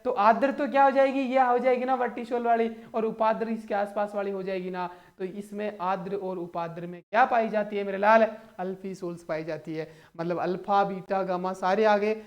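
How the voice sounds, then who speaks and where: Exam-prep teacher: a high-voiced man who rattles off memory tricks and quizzes his students as he goes. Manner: playful, teaches with mnemonic stories and rhetorical questions; addresses students as brother and friends. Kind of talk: energetic exam-prep lesson.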